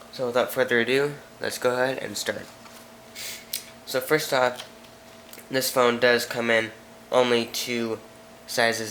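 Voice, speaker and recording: A man with a stuffy nose hosts a casual tech video, chatting off camera as he reads out phone specs and keeps correcting himself. His voice is medium-pitched and a bit bright. The audio is poor, with a little hiss or hum.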